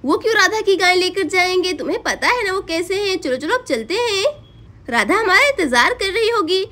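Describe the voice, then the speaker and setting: A woman's voice: very high-pitched, expressive, normal speed, sharp tone, full character voice. A woman voicing a caring neighbor mother who speaks in a motherly way and asks urgent questions in a cartoon story. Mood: calm.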